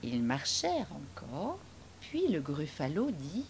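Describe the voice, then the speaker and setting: A woman storyteller reading a children's picture book aloud, expressive and often dropping to a soft whisper for suspense. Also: low-pitched, slow, a little hiss or hum.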